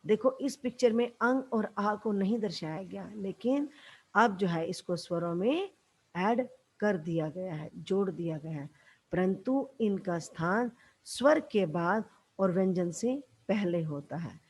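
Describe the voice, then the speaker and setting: This is a classroom lesson for children, led by a woman with a Haryanvi accent who is slow and patient and calls the pupils "beta" and "bachche." Her voice is medium in pitch, expressive and slightly rough.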